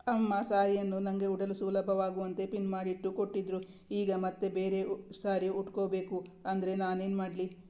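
A woman voicing a pampered, tearful young bride in a spoken story, pleading and complaining in an even, mellow tone. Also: medium pitch, moderate pace, lightly acted.

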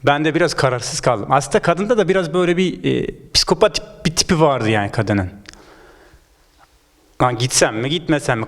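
Animated young man telling a story. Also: on the high side. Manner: animated, acts out quoted dialogue. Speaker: guest. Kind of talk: casual comic storytelling.

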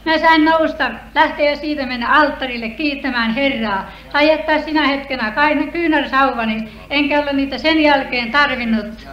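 A woman giving a personal healing testimony at a church meeting, earnest and measured. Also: sits high, a bit bright. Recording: echoey hall, dull old tape.

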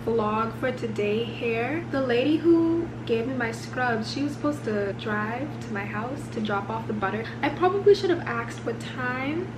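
A woman's voice: fairly high pitch, animated, a little slow, hardly any pauses, noisy background. A young woman, a college student, chatting animatedly to the camera in a casual vlog from home. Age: young adult.

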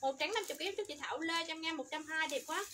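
A woman selling children's clothes on a livestream, rattling off product codes and sizes in an upbeat sales pitch. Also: racing, heavy background noise.

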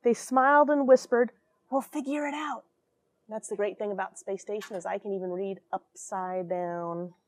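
An American astronaut in her forties reads a children's picture book aloud in a small space station airlock crowded with equipment. Her voice is medium-pitched and steady, moving at a moderate pace with few pauses, as she reads expressively with dramatic emphasis and friendly asides to young listeners.

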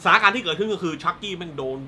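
Fast-talking bright-voiced man. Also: sits high, slight background noise. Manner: profane, joking, animated storytelling with sound effects. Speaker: film recap host. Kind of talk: casual film spoiler recap.

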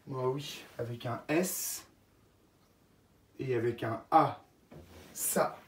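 Woman teacher, low voice, slow, spells words letter by letter, echoey room. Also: recorded from a distance. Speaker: first-grade teacher. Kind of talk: dictation lesson for young children.

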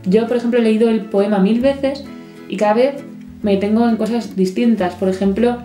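A woman from Spain giving a lively, chatty poetry lesson with playful asides. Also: on the high side, moderate pace. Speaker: literature teacher. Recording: echoey room, soft guitar music.

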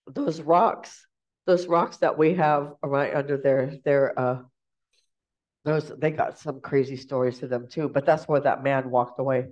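A woman's voice: extremely low pitch, fairly even intonation, measured pace, a little mellow. Chatty woman telling family stories. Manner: chatty and informal, laughs often. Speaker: storyteller and guest speaker. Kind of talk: casual storytelling presentation. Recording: dull lo-fi recording.

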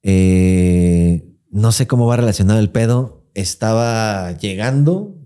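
A man's voice: lowish voice, slow pace, clean tone. Slangy Mexican man telling a story. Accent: Mexican Spanish. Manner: swearing, slangy, animated retelling with acted quotes. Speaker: podcast co-host. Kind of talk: casual storytelling chat.

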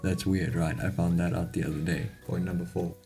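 A man in his twenties with a South African accent, a YouTube host, gives a chatty, informal explainer to camera about languages from a small home bedroom. His voice is low and dark, his tone level, and he speaks a little fast, with faint music behind him.

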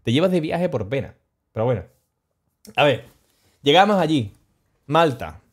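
A man telling a travel story on his stream in a casual, animated, slangy way, chuckling as he goes. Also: a little high, moderate pace.

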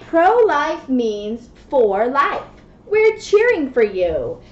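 A woman in her thirties, a mom who presents read-alouds for kids, reads a picture book aloud to a small child, keeping her explanations simple and often pausing to ask questions. Her high voice is very animated and very slow. It's captured indoors in a small classroom on a muffled, echoey webcam with noise.

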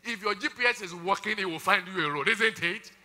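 A man preaching a sermon, emphatic, swinging between loud calls and hushed asides. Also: high voice, fairly quick. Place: church hall. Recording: church hall reverb.

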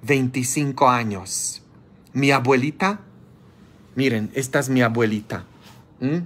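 A man preaching as a priest, scolding his listeners with fervor and breaking into sudden high-pitched outbursts. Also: unhurried, fairly bright tone. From grew up as a child of immigrants. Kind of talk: sermon. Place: church, streamed live.

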